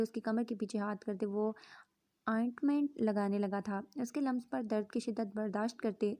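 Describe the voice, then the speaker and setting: A woman reads an audio novel on her channel in an even storytelling manner and mixes in English words. Her voice is somewhat high, with a soft, mellow tone.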